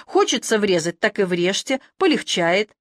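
A woman voicing a calm, reproachful police major, a man, in an audiobook. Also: medium pitch, normal speed, dry recording, clean studio sound, lightly acted.

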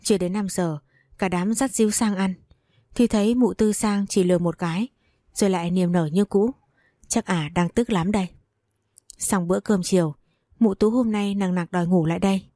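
Woman reading a story out loud, mellow low tone, dead dry room. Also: fairly even intonation, moderate pace, no room sound. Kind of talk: scripted story narration.

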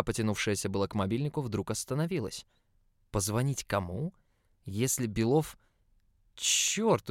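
A man's voice: mid-range voice, no echo, studio quality. A young man reading a first-person novel aloud as a tense, brooding inner monologue. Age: young adult. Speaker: audiobook narrator.

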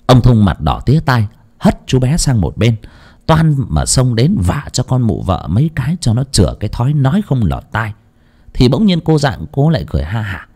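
Expressive male audiobook storyteller. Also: mid-range voice, moderate pace. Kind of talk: audiobook narration of a ghost story.

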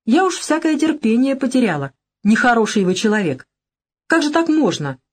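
A woman reading an audiobook, voicing a lively, ironic young woman in a brisk, teasing manner. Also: a little high, voice pushed up. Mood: reproachful. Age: young adult. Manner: brisk, teasing, bright lilt. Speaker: audiobook character.

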